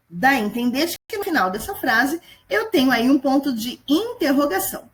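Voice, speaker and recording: A woman teacher, giving a patient grammar lesson over a screen recording and checking in with her students. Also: high voice. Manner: patient, explanatory, constant check-ins with students. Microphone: computer mic at home screen recording.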